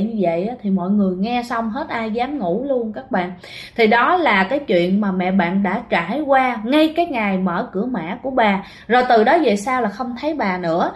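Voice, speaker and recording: A woman telling a ghost story in a chatty way, often speaking straight to her listeners. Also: a little high. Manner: chatty, addresses listeners directly. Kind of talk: casual ghost story narration.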